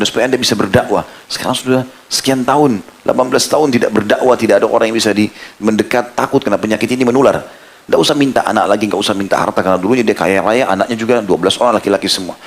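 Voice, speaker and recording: A man's voice: lowish voice, very fast, lightly acted. A man voicing a prophet's patient, pleading wife in a sermon story.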